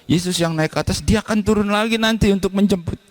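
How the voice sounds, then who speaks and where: A man voicing angels who tease and scold the disciples in a high, mocking voice. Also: quick pace, dry recording, lightly acted. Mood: teasing.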